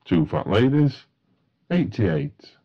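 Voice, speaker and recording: A man's voice: medium pitch, sing-song, slow pace, husky, highs cut off. A man working as a bingo caller, announcing numbers in set phrases with a matter-of-fact delivery.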